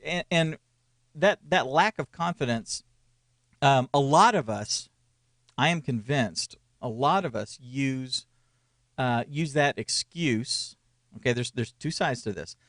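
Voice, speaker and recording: Co-hosting a relaxed conversational podcast about ministry, this forties-aged church media consultant rambles, restarts his sentences, and chuckles lightly. His voice sits at medium pitch, captured with clean studio sound and no room noise.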